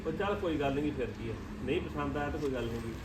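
Man playing a coaxing son, quick talker. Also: fairly high pitch, heavy background noise, natural voice. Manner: coaxing, placating, repeats "hain?". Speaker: son and husband in a family drama. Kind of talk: scripted village family drama.

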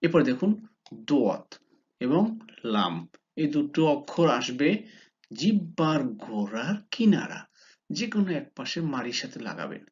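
A man teaching beginners to pronounce Arabic letters, repeating each sound slowly and urging listeners to try. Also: medium pitch. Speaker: Quran reading teacher. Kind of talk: online lesson on Arabic letter pronunciation. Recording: dull lo-fi recording.

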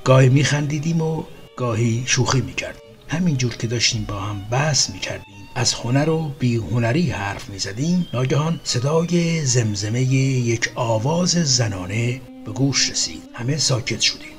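Male narrator, middle pitch, measured storytelling read, faint music bed underneath. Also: animated.

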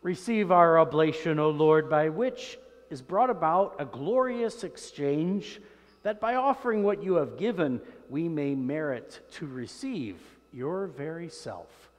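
An older man, a priest, reciting solemn liturgical prayers in a measured, reverent manner in a large echoing church. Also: on the high side, lively intonation. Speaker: priest celebrating Mass. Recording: long cathedral-like echo in large church.

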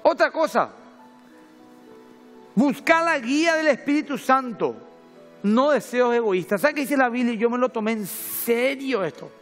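A man's voice: extremely high pitch, expressive, measured pace, pauses often, fairly bright tone, soft background music. A middle-aged man with a Paraguayan Spanish accent, preaching a sermon in a conversational way, mixing personal stories with Bible reading. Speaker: pastor.

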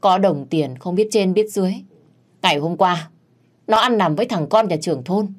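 A woman voicing a scheming old village mother-in-law who wails and scolds in a shrill voice. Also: moderate pace, close to an everyday voice. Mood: lamenting.

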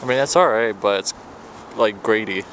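A man's voice: on the low side, moderate pace, rough recording. A young man vlogging outdoors at night by a frozen river, cold and shivering, chatting casually and laughing often. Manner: relaxed, laughs often, exclaims at the view. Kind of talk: casual vlog chat. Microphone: handheld camera or phone. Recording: outdoor noise on a handheld camera.

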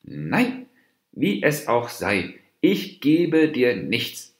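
A man's voice: mid-range voice, very animated, a little slow, pitched above the performer's own voice. A man voicing a wrathful, stubborn male mouse deer from a fable, speaking firmly and snapping. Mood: angry. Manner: angry, firm, snapping. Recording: roomy echo.

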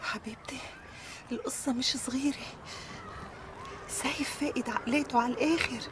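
An actress playing a worried, loving aunt. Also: female voice, sits high, normal speed, background noise, lightly acted. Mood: anxious. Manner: pleading, anxious. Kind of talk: TV drama acting.

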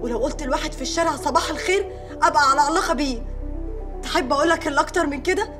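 An actress with an Egyptian accent playing a divorced woman who pours out a bitter, rapid complaint in a TV drama. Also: sits high, music in the background, natural voice. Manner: bitter, fast, pleading monologue. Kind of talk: TV drama dialogue.

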